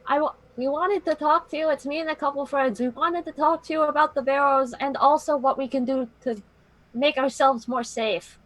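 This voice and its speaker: A woman's voice: high-pitched, steady tone, moderate pace, low-quality recording. A woman playing a tabletop game, chatting casually and role-playing in an informal, breezy way.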